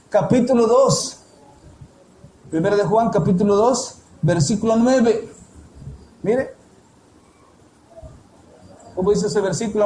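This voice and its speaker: High-voiced preacher in echoey church. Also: male voice, mellow, slight background noise. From El Salvador. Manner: addresses the congregation directly, with repeated rhetorical questions; slow, emphatic delivery of scripture. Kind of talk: sermon.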